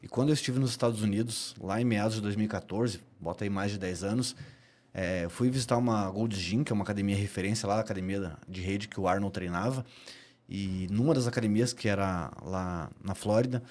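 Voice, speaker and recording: Speaking with a fairly low, darkish voice, this middle-aged Brazilian guest talks briskly through lively stories in a podcast interview. He's a personal trainer who leans on emphasis and repeats his main points.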